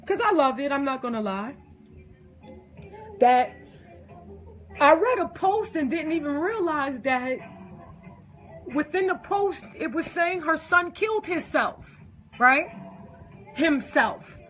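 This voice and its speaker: A middle-aged woman with a high, bright voice delivers an impassioned personal rant straight to her viewers. She is emphatic and preachy and keeps repeating her phrases. Faint music runs behind her. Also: lively intonation, takes it slowly, pauses often, poor audio. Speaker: social media poster.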